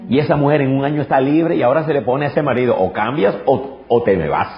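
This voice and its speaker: A man's voice: medium pitch, fast talker, a crowd in the background. A male pastor preaching a sermon emphatically, repeating phrases and throwing rhetorical questions at the congregation. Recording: dull lo-fi recording.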